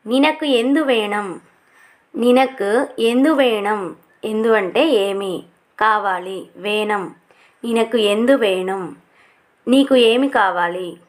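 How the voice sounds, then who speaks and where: A woman with a somewhat high voice teaches everyday phrases at a very slow, deliberate pace. She says each phrase twice, then breaks it down word by word for beginners. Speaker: language teacher. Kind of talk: slow repeated phrase lesson.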